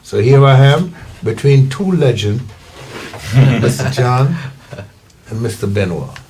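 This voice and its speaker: Older Jamaican man, guest singer, laid-back and rambling, mid-pitched voice. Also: slow, slight background noise. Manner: relaxed, rambling storytelling. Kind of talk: casual interview.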